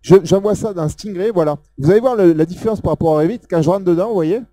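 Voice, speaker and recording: A man with a Southern French accent giving a casual live software demo, talking loosely with many fillers as he points things out on screen. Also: high-pitched, fast talker, dry recording. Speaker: software presenter. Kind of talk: live technical demo talk.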